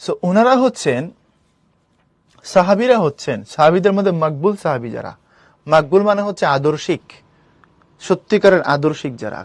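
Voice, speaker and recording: A man's voice: a little high, no echo. A man teaching a live online class, explaining patiently and putting questions to his students.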